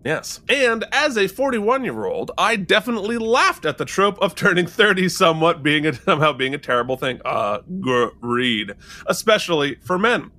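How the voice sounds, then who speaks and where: A man's voice: fairly high pitch, normal speed. A man co-hosting a casual podcast review, reading listener comments and joking around with frequent laughter. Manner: animated and jokey, laughing often. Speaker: podcast co-host. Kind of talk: casual chat.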